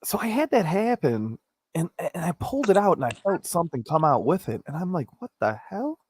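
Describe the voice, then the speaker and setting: A man's voice: a little high, sing-song, a little fast, darkish tone, husky, no room sound. A man hosting a casual comedic live-streamed chat, rambling and joking, with popping p sounds. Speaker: host of a live-streamed talk show. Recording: clicks and pops, faint background noise.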